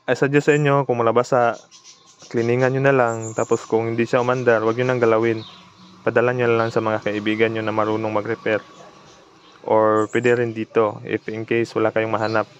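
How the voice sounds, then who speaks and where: An electronics repair technician hosts a casual repair vlog, narrating plainly in a medium-pitched voice and mixing in English terms. The sound is lo-fi with a little hiss or hum.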